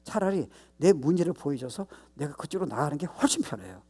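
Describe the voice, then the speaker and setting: A male pastor preaching a sermon, stressing points loudly, then dropping to low asides, with English phrases mixed into his talk. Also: sing-song, fairly quick, slightly rough. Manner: emphatic, mixes English phrases into his Korean; swings between loud stress and low, soft asides.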